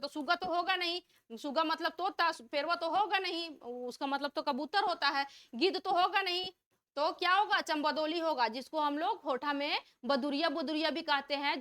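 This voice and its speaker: A woman teacher runs an exam-prep vocabulary lesson in a high, bright voice. She reads out the answer options and asks each question twice before she gives the answer. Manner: reads out multiple-choice options.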